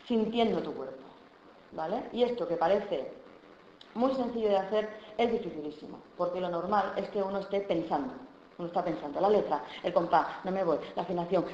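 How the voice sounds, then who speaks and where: A woman with a Spanish accent, a flamenco singer giving a conference lecture on vocal technique, explaining in a lively way with frequent asides and tag questions. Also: fairly low pitch, a little hiss or hum. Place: lecture hall. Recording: echoey lo-fi hall recording.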